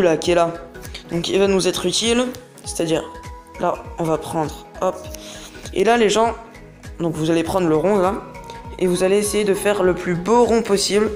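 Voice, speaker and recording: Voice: mid-range voice, moderate pace, a little mellow, soft background music. A young tutorial host talking through a phone app step by step in a casual, rambling way, full of hesitations. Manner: chatty, rambling, filled with hesitations. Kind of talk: casual screen-recording tutorial.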